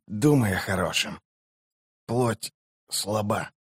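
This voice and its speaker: A man voicing a dying male mage who speaks quietly, slowly and with a wheeze. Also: fairly low pitch, breathy edge, no echo, clean studio sound, full character voice. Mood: weak, sly.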